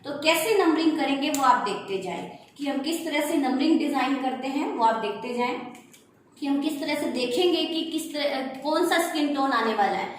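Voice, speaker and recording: At a moderate pace, a high-voiced female biology teacher delivers a lecture in an echoey classroom, captured by a distant mic with faint background noise. She calls the students "beta" and poses questions she then answers herself.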